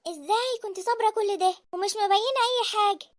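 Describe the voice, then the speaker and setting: A woman voicing Sara, a lively and emotional young village woman in an animated drama, with an Egyptian accent. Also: very high voice, quick pace, no echo, clean studio sound. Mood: heartfelt. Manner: animated, expressive. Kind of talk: cartoon voice acting.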